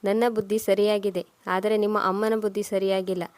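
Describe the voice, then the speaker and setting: Angry young storybook wife, read by a woman; flat, dry delivery. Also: mid-range voice, brisk, no echo, close to an everyday voice. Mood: resentful.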